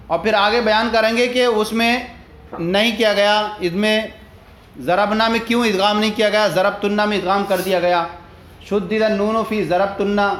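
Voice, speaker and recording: A man's voice: sits high, a bit bright. A man teaching a religious studies lesson. He explains a text line by line, asks questions and answers them himself, and repeats his points. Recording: echoey room with faint background noise.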